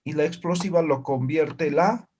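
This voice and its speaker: A man's voice: a little high, a little slow, a little mellow, lo-fi sound, slight background noise. A man from Bolivia, teaching a live online language class over a video call and patiently checking in after nearly every phrase. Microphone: computer mic on a video call.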